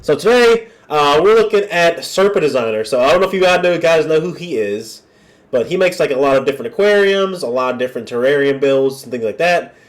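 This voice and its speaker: A man's voice: a little high, lively intonation, fairly quick. A man with a congested, nasal voice from being under the weather, chatting casually to viewers as he hosts a reaction video. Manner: colloquial, chatty, addressing viewers as y'all. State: under the weather with a cold, wearing a nose strip.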